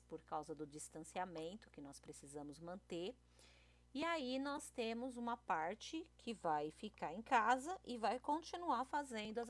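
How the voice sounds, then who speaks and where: A woman's voice: medium pitch, low-quality recording. A woman teacher giving a recorded video lesson to children, patient and explaining step by step, often checking in with them. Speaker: primary school teacher.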